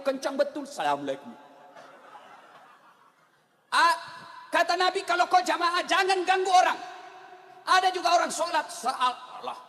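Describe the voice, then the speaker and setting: A man preaching a humorous sermon, telling lively stories and repeating rhetorical questions to the crowd. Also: very high-pitched. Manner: animated storytelling, repeats rhetorical questions, acts out characters. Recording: long hall reverb.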